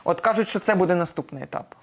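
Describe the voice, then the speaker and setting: A man hosting a live studio interview, asking questions in a quick, conversational way. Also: high-pitched, lively intonation. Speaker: interviewer, host.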